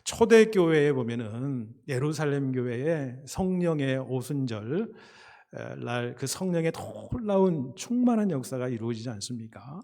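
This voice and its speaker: A man preaching a Sunday sermon in a church, speaking in a measured way with frequent hesitation sounds and building emphasis on key points. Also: mid-range voice, very animated, warm tone. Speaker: pastor. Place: church sanctuary.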